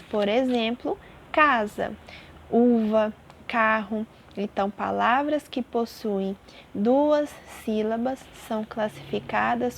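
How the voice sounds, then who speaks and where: A woman teacher walks young students through a lesson, slowly and patiently. Her voice sits a little high. She keeps checking that they follow, over a faint hum of background noise. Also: creaky. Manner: patient, repeats terms and checks in with "tá bom?". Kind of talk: classroom lesson explanation.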